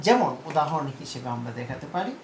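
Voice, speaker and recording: A male teacher giving a pronunciation lesson, speaking slowly and repeating each word while he asks his students questions. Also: a little high, very animated. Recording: echoey room with faint background noise.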